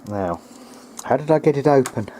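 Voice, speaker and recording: An animated yet mellow mid-range voice at a moderate pace comes from a man fixing vintage audio gear at home. Filming with a handheld camera, he offers loose, tentative, unscripted commentary, and the amateur recording is plainly noisy.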